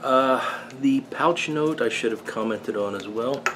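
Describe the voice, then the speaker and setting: An American man in his fifties giving a casual, rambling video review in a halting, unhurried way, recorded in a small workshop. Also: mid-range voice, a bit bright. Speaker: pipe tobacco reviewer. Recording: clearly noisy room background.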